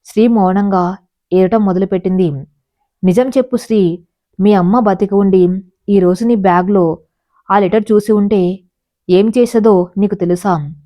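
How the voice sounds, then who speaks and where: A woman voicing a stern middle-aged father who speaks gravely and directly, in a storybook reading. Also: medium pitch, fairly even intonation, measured pace, pauses often, dark tone, natural voice.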